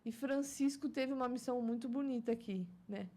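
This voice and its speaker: Chatty woman, higher voice. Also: a little fast, mellow. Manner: chatty, laughs often, religious reflections. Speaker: guest mother. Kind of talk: casual chat.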